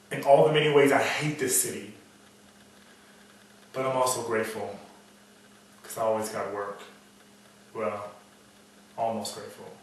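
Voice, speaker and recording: A man's voice: medium pitch, close to an everyday voice. A man playing a cynical, world-weary private investigator, muttering a bleak noir monologue in a brooding storytelling manner. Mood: bitter. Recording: echoey room, distant mic, faint noise.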